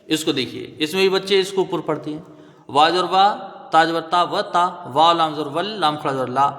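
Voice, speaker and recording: A man teaching Quranic recitation, spelling out letters and then slowly chanting each word, often checking with "right?". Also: fairly high pitch, a bit bright, in a large hall. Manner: patient, drawn-out chanting of each word, frequent "theek hai?" checks.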